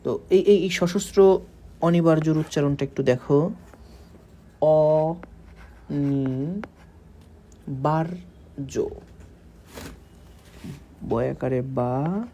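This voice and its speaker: Mellow-voiced man teaching exam lessons. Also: on the high side, steady tone. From Bangladesh. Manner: explains step by step, spells out words slowly and checks understanding. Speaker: Bengali literature teacher. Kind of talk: exam-prep lecture.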